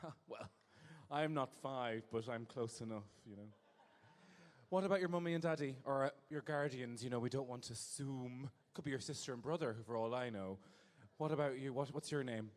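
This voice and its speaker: This host of a live show talks at a normal speed in a medium-pitched male voice. Using a handheld mic in a big, echoing hall, he teases the audience with playful camp crowd work.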